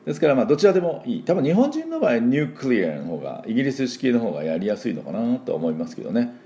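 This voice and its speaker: A man's voice: medium pitch, huge pitch swings, fast talker, mellow. A man, an English teacher and school principal, giving a casual spoken radio lesson, chatty with many fillers and modeling pronunciation aloud.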